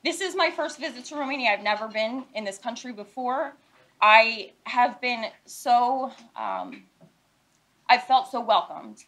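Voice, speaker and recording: A woman lawyer from Philadelphia, United States, gives a prepared news conference statement in a very animated, slightly high, somewhat bright voice. She speaks with deliberate emphasis, restating her points in short phrases.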